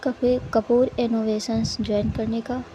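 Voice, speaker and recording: A woman voicing a calm, teasing young woman rival on the phone, soft and unhurried. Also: on the high side, background noise, natural voice. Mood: cool teasing.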